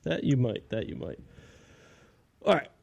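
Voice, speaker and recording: A Michigan man hosts a casual podcast from his home basement, laughing often and bantering with his guest on a studio microphone. His medium-pitched voice is very animated yet measured in pace, with vocal fry. The highs are cut off, and a crowd can be heard in the background.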